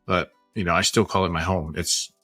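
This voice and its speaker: A man's voice: sits low, steady tone, fairly quick, a bit bright, dry recording, studio quality, soft background music. A man from American Samoa co-hosting a casual podcast chat, talking in a rambling, joking and supportive way. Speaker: podcast co-host.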